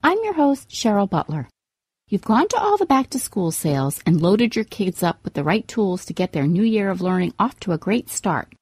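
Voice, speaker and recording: A woman's voice: mid-range voice, sing-song, normal speed, darkish tone, husky, no room sound. A woman hosting a scripted parenting advice show in an upbeat, tidy, advice-vlogger manner, setting out tips with emphasis. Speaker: podcast host giving parenting tips.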